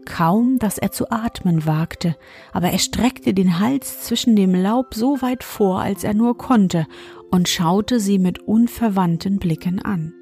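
Woman reading a fairy tale, soft music. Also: medium pitch. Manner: calm, measured storytelling. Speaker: storyteller.

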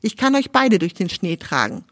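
A woman's voice: mid-range voice, very animated, normal speed, a bit bright, dry recording, clean studio sound. A woman voicing a proud, boastful male magic pony in a children's storybook, cocky and self-assured.

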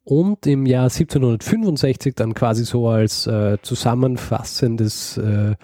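A man's voice: medium pitch, a little slow, warm tone, no echo, clean studio sound. A man co-hosting a history podcast, telling a story in a casual, hesitant way with frequent fillers and easy laughter. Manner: hesitant, many fillers and restarts, laughs easily. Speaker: podcast co-host.

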